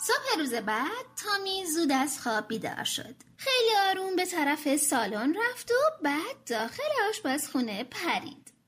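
A woman reads a bedtime story to children in an animated, expressive way. Her voice is high and bright, and it swings up and down a lot. Soft music plays behind her. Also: hardly any pauses.

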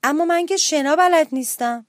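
A woman's voice: high voice, no echo, clean studio sound, pitched above the performer's own voice, lightly acted. A woman voicing a timid, panicky little male mouse in a children's storybook, crying out in fear. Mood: pleading. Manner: squealing, frightened cries.

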